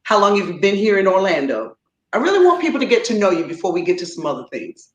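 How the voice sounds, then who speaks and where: A woman's voice: medium pitch, sing-song, fast, reverberant, highs cut off. A woman hosting an interview, asking chatty, encouraging questions. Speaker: talk show host.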